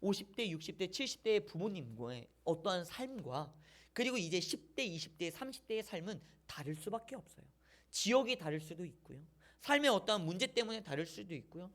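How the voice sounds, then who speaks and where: Lively male pastor asking rhetorical questions. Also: high voice. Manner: conversational preaching with rhetorical questions. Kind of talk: sermon.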